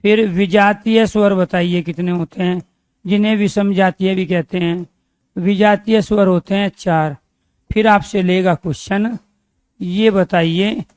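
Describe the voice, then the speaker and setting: High-voiced man drilling a grammar lesson. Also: darkish tone, no echo. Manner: asks students questions and answers them himself; repeats key terms for drilling. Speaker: teacher.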